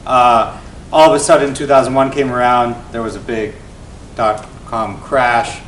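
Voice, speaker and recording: A man in his forties, a venture investor and guest speaker, telling his founder story to an event audience in an energetic, conversational way that often tags points with "right?". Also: unhurried. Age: 40s. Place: event venue before an audience. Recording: roomy, distant mic with faint rumble.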